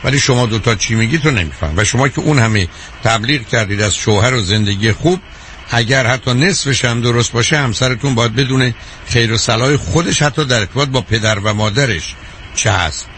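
A man hosting a call-in advice show on the radio, talking to callers frankly, calmly and directly. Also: medium pitch, a little hiss or hum.

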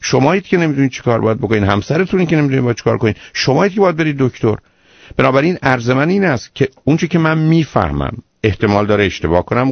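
A man's voice: fairly low pitch, no echo, muffled recording. A man hosting a radio call-in advice show, lecturing a caller sternly and emphatically.

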